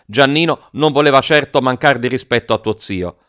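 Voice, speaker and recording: A man reading aloud and voicing a sharp-tongued young woman, an older sister, who answers curtly. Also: medium pitch, normal speed, dull audio, lightly acted. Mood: piqued. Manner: piqued, curt retorts.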